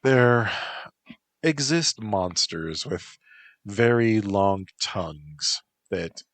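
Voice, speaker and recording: A man's voice: on the low side, animated, very slow, no echo, heavily acted. A man voicing a proud, grieving female spirit who rules a household, speaking solemnly, read as a storybook. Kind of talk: storybook narration.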